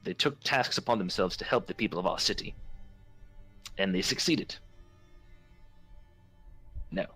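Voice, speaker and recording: A cheeky male halfling who swears freely and says what he thinks, as a man puts him on. His voice is low and bright, and he talks plainly and crudely. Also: expressive, unhurried, long pauses, breathy edge, soft background music, heavily acted. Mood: blunt. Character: blunt, foul-mouthed male halfling, cheeky.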